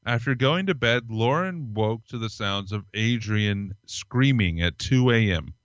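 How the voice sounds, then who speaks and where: A man's voice: on the low side, expressive, a little slow, no room sound, muffled recording. A man co-hosting a podcast, reading strange news stories aloud in a casual chat, with small laughs and fillers. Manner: reads from articles, laughs, hesitant fillers. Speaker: podcast co-host.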